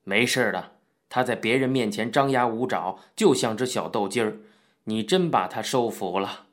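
A man's voice: lowish voice, lively intonation, moderate pace, a bit bright, voice pushed down. Man doing a blunt, scolding martial arts coach, hearty jokes, audiobook character. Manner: brusque, scolding, boisterous joking. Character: gruff middle-aged male martial arts coach, blunt and teasing.

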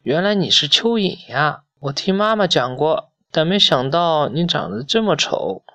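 A scornful little chick from a children's storybook, played by a man reading aloud. The voice sits a little high and sounds dry and close. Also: animated, moderate pace, bright, forceful tone, no room sound, lo-fi sound. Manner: scornful, disgusted. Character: snooty young chick, frowning and scornful.

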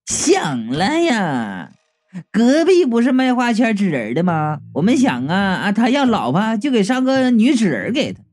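A man's voice: sits high, wildly swooping pitch, unhurried, a little mellow, full character voice. A man voicing a group of indignant, gossipy middle-aged aunties at a matchmaking agency. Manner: complaining, gossipy.

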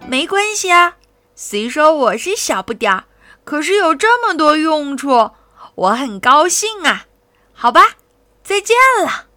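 A woman's voice: high voice, very animated, normal speed, no echo, pitched above the performer's own voice, exaggerated voice. A woman doing a chirpy little crayon stub. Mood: cheerful. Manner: bright, chirpy, sing-song. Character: small brave cheerful crayon stub, kind and eager.

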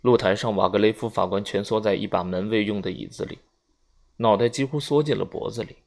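A man narrates an audiobook in a measured, even manner. His voice sits low and has a gravelly edge.

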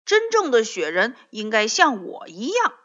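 A stubborn young frog boy from a storybook, as a woman puts him on, loud and high with a bright, lively voice. The recording sounds dull and lo-fi. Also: slow, heavily acted.

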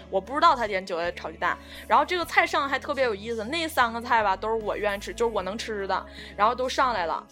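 A woman's voice: fairly high pitch, bright, forceful tone. A woman chatting casually on a podcast, telling a story in a rambling way with lots of fillers and the odd swear word. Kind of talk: casual chat.

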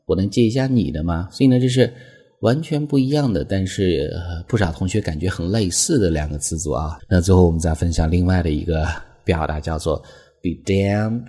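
Low husky guy teaching english phrases, patient, reads examples slow. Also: dark tone. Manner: explains patiently, reads example sentences slowly. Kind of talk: language lesson.

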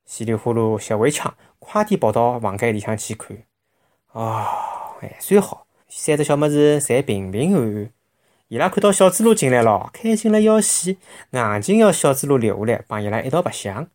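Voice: mid-range voice, sing-song, moderate pace, darkish tone. A storyteller with a Shanghainese accent narrating a children's story expressively, with vivid sound words.

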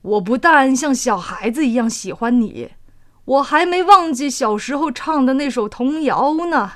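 A woman playing a kind, wistful old man in a children's story, speaking softly and earnestly with a gently reassuring manner. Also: high voice, expressive, normal speed.

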